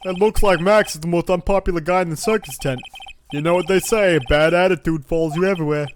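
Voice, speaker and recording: A man voicing a gruff, blustering police detective, read aloud from a video game. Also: high-pitched, fast, faint music behind, lightly acted. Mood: accusing.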